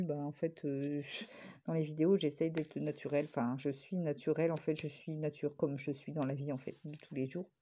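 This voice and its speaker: A woman's voice: low voice, dark tone, a little hiss or hum. A woman with a northern French accent chatting casually in a vlog while she crafts, rambling with many fillers and restarts and laughing often. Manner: self-described jokey, laughs often. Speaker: vlogger.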